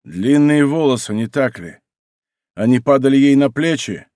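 A man voicing a relentless, vengeful young man disguised as a monk, who interrogates coldly and then shouts accusations. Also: mid-range voice, animated, normal speed, dry recording, clean studio sound, lightly acted. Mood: probing. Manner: probing, then harsh and commanding.

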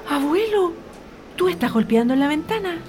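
A woman's voice: extremely high pitch, animated, normal speed, background noise. A woman playing a curious, timid young girl in an audio drama, exclaiming and sighing in a wide-eyed manner. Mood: anxious, pleading.

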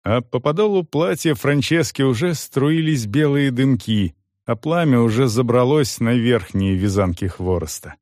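Guy narrating an audiobook, slow, lots of pitch swing, dry close mic. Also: dry recording. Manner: slow, expressive storytelling.

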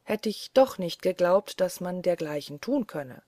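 A woman's voice: fairly low pitch, animated, measured pace, warm tone, no echo, clean studio sound. A woman reading the lines of a cunning, cold-hearted young male charcoal burner who taunts scornfully. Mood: taunting.

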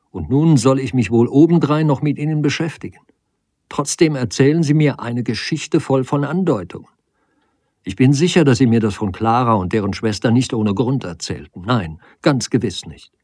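A man reading the part of a proud young woman who speaks in a sharp, reproachful way in a storybook reading. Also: slightly rough, no echo, studio quality. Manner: sharp, reproachful, rising pitch.

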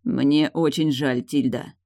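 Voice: mid-range voice, fairly even intonation, takes it slowly, gravelly, a little mellow, no echo. An insistent, frustrated man who pushes and pleads by turns, read out by an audiobook narrator. The voice stays close to the reader's own level, in a dry, close recording. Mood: pleading. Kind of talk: audiobook dialogue reading.

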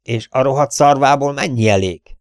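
A man voicing a brisk, kind-hearted country vet with a gruff, hurried manner of talking. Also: medium pitch, no room sound, clean studio sound, voice pushed up, natural voice. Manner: gruff and hurried, often dropping to a furtive whisper.

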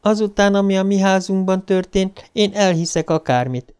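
A man's voice: high voice, lively intonation, darkish tone, clear, resonant tone, faint music behind, pitched above the performer's own voice. A man reading an audiobook, voicing a tearful but firm young girl who pleads earnestly. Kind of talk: audiobook character voice.

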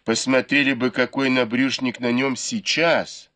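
A man voicing a gentle, patient young maid who speaks quietly and politely. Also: mid-range voice, steady tone, a little slow. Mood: soft, deferential.

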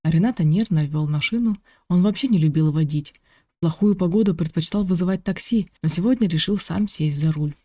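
A narrator reading a novel aloud in an audiobook at a steady, even pace. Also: mid-range voice, a little fast, no room sound. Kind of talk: scripted narration.

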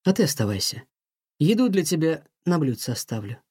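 A man voicing an aging museum director who sighs and speaks softly and kindly. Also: a little high, very animated, a little fast, husky, no room sound, clean studio sound. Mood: tired, warm. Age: older. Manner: sighing, soft-spoken, talks kindly to a mouse. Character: weary aging male museum director, gentle and sad.

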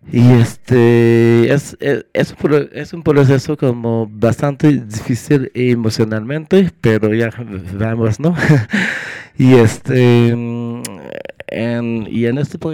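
Man, podcast guest, from Guatemala raised in Montreal, halting and searching for words, slow speech, dry close sound. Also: mid-range voice, dark tone, clean tone, dry recording. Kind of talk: personal account in an interview.

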